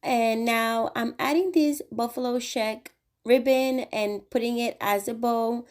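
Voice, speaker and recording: A woman with a slightly high voice and measured pace hosts a craft channel, cheerfully chatting through each step in a voice-over. She is recovering from a cold.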